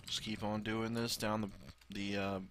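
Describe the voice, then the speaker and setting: A man's voice: on the low side, little pitch movement, moderate pace, background noise. A man with a Southern US accent giving casual, rambling gameplay commentary, thinking aloud and swearing freely. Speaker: gaming video host.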